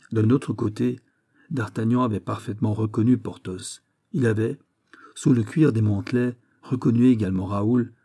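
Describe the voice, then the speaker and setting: A man reading a classic novel aloud as a narrator, in a steady literary manner. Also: on the low side, breathy edge. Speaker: audiobook narrator. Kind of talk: scripted narration.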